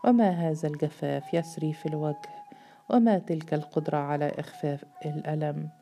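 Low, dark-voiced woman reading a novel. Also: fairly quick, faint music behind. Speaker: narrator. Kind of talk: scripted narration of a novel.

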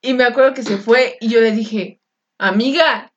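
A woman's voice: fairly high pitch, normal speed, muffled recording. A young woman with a Mexican Spanish accent, casually telling a story in a chat and acting out her own reactions. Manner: animated storyteller, laughs often, acts out her own squeals.

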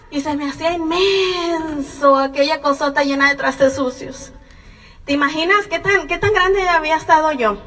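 High-voiced woman speaking in an echoing hall. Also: pushed and bright. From Mexico (Jalisco and Colima). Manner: slow, earnest and encouraging, with Mexican expressions. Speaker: speaker giving a testimony. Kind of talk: personal testimony speech. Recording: far from the mic in a reverberant hall.

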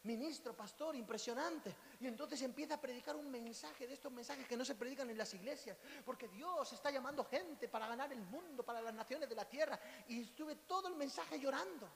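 Un pastor con acento de España que predica contando historias con humor y gritos repentinos. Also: male voice, very high-pitched, fairly quick, vocal fry, hardly any pauses. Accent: Spain Spanish. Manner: storytelling, sudden loud cries and laughs. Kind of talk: lively sermon with jokes. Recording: long hall reverb, faint hiss.

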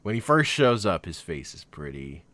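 A man co-hosting a casual chat about films, talking animatedly and jumping into excited mock voices. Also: deep voice, moderate pace, no echo. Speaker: podcast co-host.

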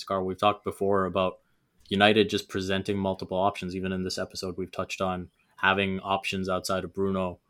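A man's voice: deep voice, pushed and bright. A man hosting casual sports chat, steering the talk and passing questions to the other speakers. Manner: moderating, passes questions to others.

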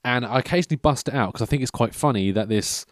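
This fast-talking man, mid-thirties with a mid-range voice, meanders through a casual chat, breaking off mid-thought and poking fun at himself in a dry way. The recording has no echo.

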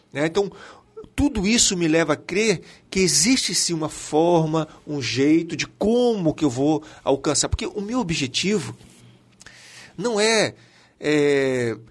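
Animated husky Brazilian man teaching. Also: fairly high pitch. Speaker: teacher and co-host.

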